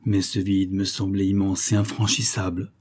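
Guy narrating an old short story, dark husky voice, pretty low, lively with the dialogue. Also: moderate pace. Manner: expressive first-person storytelling with lively quoted dialogue. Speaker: audiobook reader. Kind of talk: scripted literary narration.

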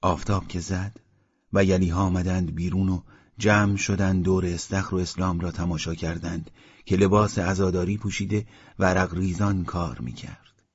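A man narrating a story in a steady, measured reading, in a dull lo-fi audiobook recording. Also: deep voice, husky, no room sound.

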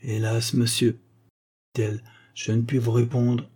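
A man's voice: medium pitch, flat delivery, a little slow, warm tone, breathy edge. A man reading a shy young woman. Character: shy, witty young woman, the professor's daughter.

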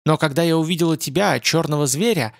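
A man's voice: a little high, quick pace, vocal fry, no room sound, clean studio sound. A man voicing a grave, proud female spirit being who speaks in a solemn, reserved way.

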